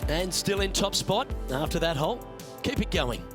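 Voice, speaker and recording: Upbeat golf commentator, higher-pitched voice. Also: male voice, sing-song, moderate pace. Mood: upbeat, approving. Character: upbeat male TV golf commentator in a video game. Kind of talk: video game golf play-by-play commentary. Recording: loud music and crowd behind.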